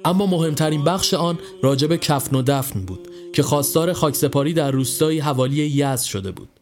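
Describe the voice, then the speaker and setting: A man narrating a scripted horror story in a measured, even storytelling voice. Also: fairly high pitch, faint music behind.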